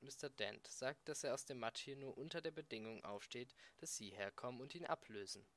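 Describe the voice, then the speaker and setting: A man's voice: medium pitch, brisk, fairly bright tone, lightly acted. Brief: coaxing scheming alien pal, done by a man reading an amateur audiobook, patient and persuasive, slightly raised voice. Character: smooth-talking scheming alien friend, adult man.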